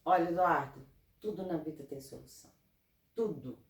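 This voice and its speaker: A woman's voice: low voice, moderate pace. Earnest Brazilian woman giving advice. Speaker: interview guest. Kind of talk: casual interview talk. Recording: roomy, from a distance off mic.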